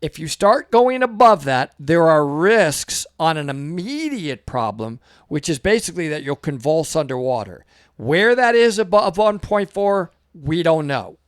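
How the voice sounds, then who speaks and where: A man's voice: fairly high pitch, big pitch swings, unhurried, clear, resonant tone, dry recording, clean studio sound. A man giving casual reaction video commentary as a diver, explaining technical points.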